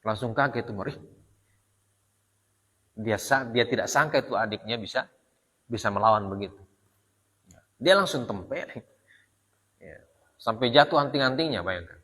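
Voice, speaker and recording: A man's voice: medium pitch, animated, moderate pace, pauses often, bright, forceful tone. A man preaching a storytelling sermon, told with animation, rhetorical questions and a frequent "ya". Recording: long reverb of a hall.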